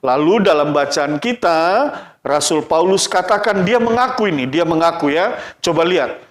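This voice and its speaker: Male pastor, children's sermon, animated and questioning, raised voice, roomy church echo. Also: sits high. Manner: animated, questioning the children, acting out their lines.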